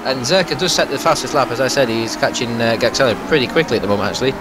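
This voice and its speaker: A male motorsport commentator calls a live race at a rapid clip. His pitch sits in the middle range for a man, and clear vehicle noise runs behind him.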